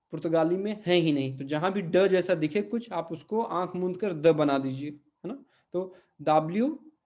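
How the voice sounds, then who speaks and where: Patient man teaching pronunciation, mellow voice. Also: sits high. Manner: patient, repeats words slowly and checks with "ठीक है?". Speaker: Portuguese language teacher. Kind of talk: spoken language lesson.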